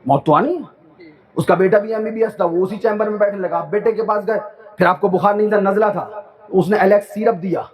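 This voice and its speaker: A man preaching a sermon to a live gathering, declaiming, chanting verses and urging the listeners to call back. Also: sits high. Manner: declamatory, urging crowd to respond. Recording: live outdoor crowd event. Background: crowd responding.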